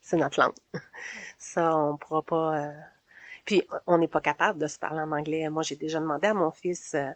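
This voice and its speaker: Speaking in a deep, steady voice at a moderate pace with no echo, a woman in her forties shares her story casually in an interview. She is sociable, from Quebec with a Québécois French accent, and often laughs between phrases.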